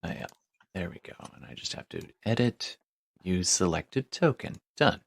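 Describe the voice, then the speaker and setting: A man with a low-pitched, animated voice and some vocal fry chats informally while running an online tabletop game as game master. Speaking at normal speed, he often mutters to himself as he works.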